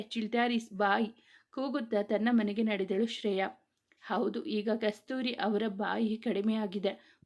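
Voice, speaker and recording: A woman narrating a romantic serial story in a steady, even reading voice. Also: medium pitch.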